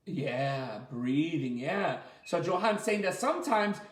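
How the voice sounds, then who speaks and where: This martial arts coach has a high-pitched male voice with lively intonation, recorded in an echoey room. Leading a chatty, interactive story time for kids, he encourages and praises them and explains things slowly, simply and repeatedly.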